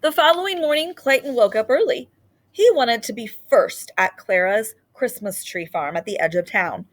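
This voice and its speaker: At a moderate pace and in a fairly high voice, a woman reads aloud from a children's picture book, telling the story expressively.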